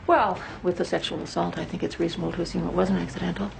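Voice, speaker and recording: Pathologist, woman, clinical, matter-of-fact; quick, flat delivery, low voice. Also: gravelly, background noise. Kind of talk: TV crime drama acting.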